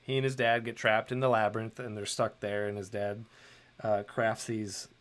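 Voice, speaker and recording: A man's voice: on the low side, level tone, moderate pace, a bit bright. A middle-aged man hosting a livestream, chatting loosely with many ums and restarts while he draws. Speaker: host and illustrator. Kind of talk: livestream chat while drawing.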